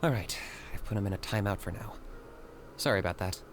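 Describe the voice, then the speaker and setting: A man voicing a calm, stern young man in a video game, who speaks in a dry, level, reproachful way. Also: lowish voice, a little fast, slight background noise, natural voice.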